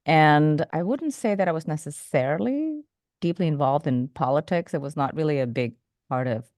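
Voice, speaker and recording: A woman from Indonesia, a podcast host, giving thoughtful, measured interview answers with small restarts. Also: low voice, animated, a little mellow, no echo, studio quality. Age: adult, came to the U.S. as a teenager.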